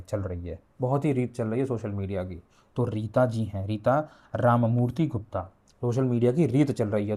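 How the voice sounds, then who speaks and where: Mellow-voiced man teaching exam memory tricks. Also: medium pitch. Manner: explains slowly, repeating key words and spelling out book titles.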